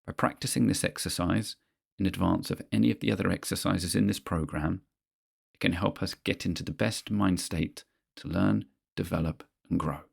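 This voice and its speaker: A man reading a scripted guided grounding exercise in a measured, instructional manner, pausing between phrases. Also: low-pitched, steady tone, creaky, slightly rough.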